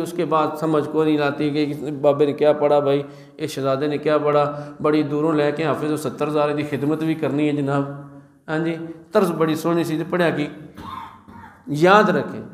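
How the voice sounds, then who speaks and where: A man preaching as a religious teacher, with a fairly high voice that rings in an echoey room. He stretches out recited words as examples and asks his listeners rhetorical questions. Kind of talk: sermon on Quran recitation.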